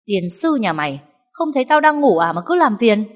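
A woman's voice: unhurried, natural voice. A woman voicing a scheming, foul-mouthed young pregnant wife who snaps scornfully and wails in a put-on way. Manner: sharp, scornful snapping, shrill fake wailing. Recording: long hall reverb.

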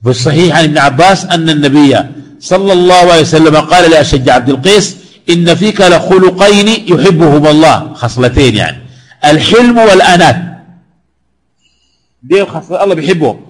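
Male preacher, rapid delivery, high-ish voice, colloquial lesson style. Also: lively intonation, rough recording.

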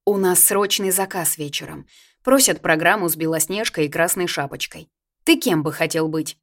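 Woman voicing a timid soft young woman. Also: lowish voice, moderate pace. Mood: shy. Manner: soft, shy.

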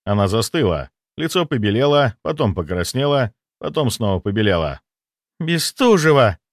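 A man's voice: lowish voice, lively intonation, brisk, no room sound, clean studio sound. A young man narrating a first-person audiobook expressively and acting out the dialogue.

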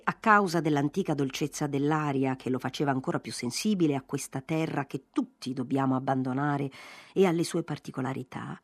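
Low, husky woman reading a novel. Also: no room sound, studio quality. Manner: measured, expressive literary reading. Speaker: audiobook narrator. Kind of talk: literary audiobook reading.

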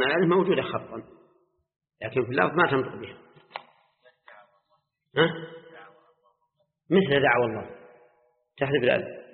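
An older man gives a Quran exegesis lesson in a classroom. He explains step by step, checks on his students and chants the verses. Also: medium pitch. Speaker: Quran teacher. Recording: tinny lo-fi recording in an echoey hall.

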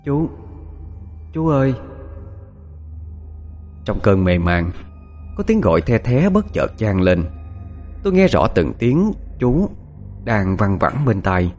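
A man narrating a first-person ghost story in a hushed, suspenseful, expressive way. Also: low voice, a little slow, soft background music.

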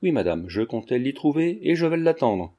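A man reading the lines of a stern young gentleman who curtly accuses a lady. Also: mid-range voice, sing-song, moderate pace. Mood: accusing. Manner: curt and accusing.

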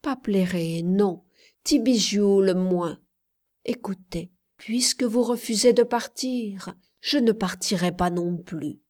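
A woman reading the part of a gentle, tender male plantation overseer in an audiobook, soft and pleading. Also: medium pitch, slow pace.

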